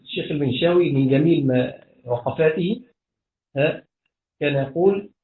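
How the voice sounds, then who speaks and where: Egyptian male sheikh, fairly high voice, lecturing a class, quizzes students and answers himself; echoey, phone-thin recording. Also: normal speed. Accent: Egyptian Arabic. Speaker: sheikh teaching Arabic grammar. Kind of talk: classroom lesson with recited verses. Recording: echoey room over a phone-like line.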